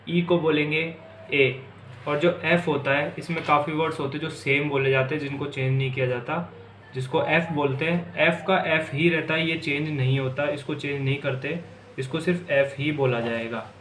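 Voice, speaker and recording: A man's voice: a little high, fairly bright tone, slight background noise. A man teaching a language lesson to students, patient and repetitive, stretching out key words. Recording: echoey room with faint ambience.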